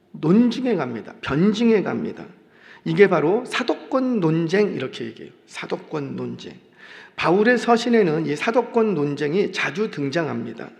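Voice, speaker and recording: A middle-aged male pastor preaching in a church, animated and often putting questions to the congregation. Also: sits high, vocal fry. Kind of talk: sermon. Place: church sanctuary. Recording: long church reverb.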